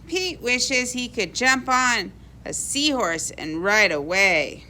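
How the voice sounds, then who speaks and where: A woman reading a children's picture book aloud in an expressive, animated way for young kids. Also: on the high side, slow pace, a little hiss or hum. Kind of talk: expressive read-aloud storybook narration.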